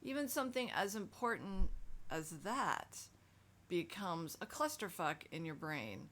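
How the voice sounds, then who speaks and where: A woman's voice: lowish voice, animated, measured pace, fairly bright tone. A middle-aged woman talking casually and emphatically in a self-help video, frank and conversational.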